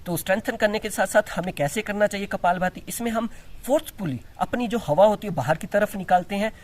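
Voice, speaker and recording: A man's voice: sits high, a little fast. A man teaching yoga and breathing exercises, explaining step by step with frequent restarts and demonstrating as he talks. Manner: demonstrates exercises while talking. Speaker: yoga instructor. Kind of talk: instructional demonstration.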